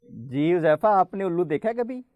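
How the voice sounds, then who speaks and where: A man hosting a children's program, patiently quizzing the kids and slowly spelling out letters for them to pronounce. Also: sits high, animated, darkish tone, no room sound. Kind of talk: friendly studio hosting for children.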